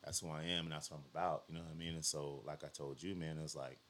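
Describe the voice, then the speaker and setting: Fast-talking deep-voiced man telling stories. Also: slight background noise. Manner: animated storyteller, acts out quotes, slangy. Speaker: guest. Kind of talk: casual conversation.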